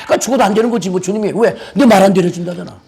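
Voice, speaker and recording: A man's voice: sits high, very fast, vocal fry, a little mellow, husky. A man preaching a fervent, folksy sermon as pastor of a church, with playful asides to his congregation. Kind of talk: Pentecostal-style sermon. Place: church sanctuary.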